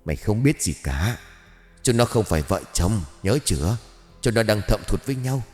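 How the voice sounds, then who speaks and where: A man voicing a grumpy, crude old male ghost who scolds and pries, in a gruff manner in a spoken horror-comedy story. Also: low-pitched, animated, moderate pace, in a large hall, soft background music. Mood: scolding.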